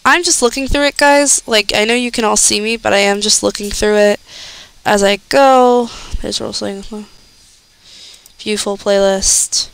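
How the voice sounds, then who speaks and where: A woman's voice: mid-range voice, fairly even intonation, normal speed, vocal fry, clean tone, low-quality recording. A young woman streamer chatting casually and rambling as she thinks aloud while reacting to a video.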